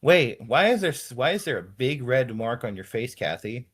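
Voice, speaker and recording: A man's voice: mid-range voice, sing-song, moderate pace, husky. A man reading aloud as a shy, hesitant teenage boy from a fanfic story, in his own voice. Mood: flustered. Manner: hesitant, flustered.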